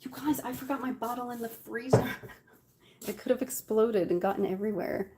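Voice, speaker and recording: Baking at home, this cooking vlogger talks in a slightly high, brisk voice over background noise. Her first language is Arabic and she has an Algerian Arabic accent; the casual chat is full of fillers and giggles.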